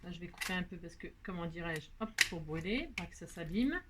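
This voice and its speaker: A woman's voice: fairly low pitch, animated, a little fast, very noisy. A middle-aged woman chatting casually through a crafting tutorial, talking to herself and her viewers as she works. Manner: chatty, talks to herself and viewers, many fillers.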